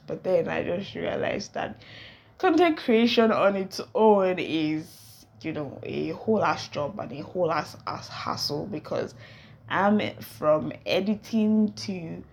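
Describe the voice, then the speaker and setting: A woman's voice: lowish voice, vocal fry. A young woman hosting her own podcast, rambling casually and playfully dramatic. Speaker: podcast host. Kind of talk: casual solo podcast chat.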